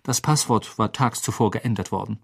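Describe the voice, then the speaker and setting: Expressive husky male storyteller. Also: on the low side, moderate pace. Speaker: audiobook reader. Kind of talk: scripted narration.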